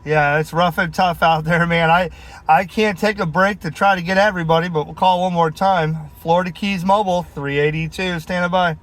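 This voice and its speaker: Briskly and steadily, a man with a high, somewhat bright voice talks as a friendly CB radio operator hosting a video from inside his vehicle, peppering his speech with call signs and lingo. Vehicle and radio noise, plus radio clicks, come through clearly.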